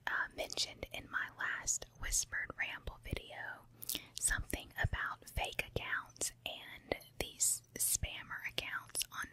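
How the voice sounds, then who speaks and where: Whispering woman, close-up ASMR ramble. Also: sharp tone. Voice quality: unvoiced close-up whisper, ear to ear. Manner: unhurried, confiding, rambling. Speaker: ASMR video creator. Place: room at home with carpet and window. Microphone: handheld recorder with foam windscreen on tripod, very close.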